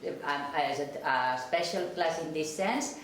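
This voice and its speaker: A middle-aged woman from Spain, introducing a lecturer, speaking hesitant, halting English. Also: low voice. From Spain (Barcelona, Catalonia). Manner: hesitant, warm, halting non-native phrasing. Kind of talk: public introduction, partly read aloud. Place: lecture hall. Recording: echoey lecture hall with background noise.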